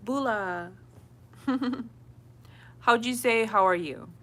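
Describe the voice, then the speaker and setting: A woman's voice: a little high, extremely slow, sharp tone. A young woman hosting a casual livestream, chatting with viewers, answering comments and laughing often. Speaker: livestream host. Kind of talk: casual live chat with viewers.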